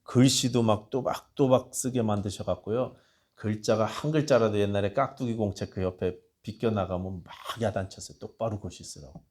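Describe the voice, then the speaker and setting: A low-voiced male pastor delivers a sermon. He tells stories in an easy, conversational tone. He drops to a near whisper for tender lines and rises sharply when he appeals to the congregation. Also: steady tone, moderate pace. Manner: storytelling, dropping to a hushed voice for tender quotes and rising to loud appeals.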